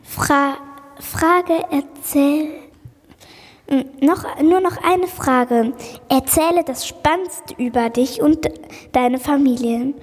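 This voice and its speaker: A woman's voice: high-pitched, takes it slowly, in a large hall. A young speaker playing a curious time-traveling girl who asks eager questions and stumbles over her words. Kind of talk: children's school podcast role-play.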